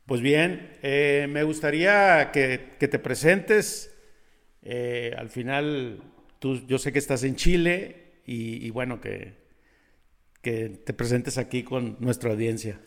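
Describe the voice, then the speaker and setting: A man hosting an interview, introducing his guest in a formal, measured way. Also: mid-range voice, fairly bright tone. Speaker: podcast host.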